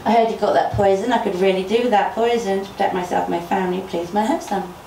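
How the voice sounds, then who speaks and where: A woman's voice: mid-range voice, fairly even intonation, quick pace, dark tone, slight background noise, lightly acted. A woman voicing an eager, friendly male rattlesnake in a folk tale. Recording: roomy, voice from a distance.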